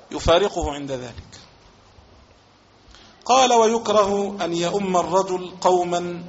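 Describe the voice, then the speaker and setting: Man, Egyptian accent, religious lesson, reads a text and then explains it, high voice, dull lo-fi recording. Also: slight background noise. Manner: reads a passage aloud, then explains it with repetition and examples. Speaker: religious teacher.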